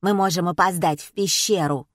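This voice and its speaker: A woman's voice: on the low side, moderate pace, dry recording, clean studio sound, natural voice. A woman reading an audiobook and voicing a harsh, scolding middle-aged mother.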